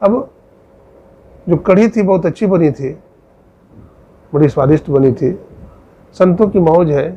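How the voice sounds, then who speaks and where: A man's voice: expressive, measured pace, long pauses, warm tone, a little hiss or hum. A male preacher telling a devotional story in sermon style, acting out the characters' dialogue. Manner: acts out dialogue, rises in pitch for quoted voices. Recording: dull lo-fi recording.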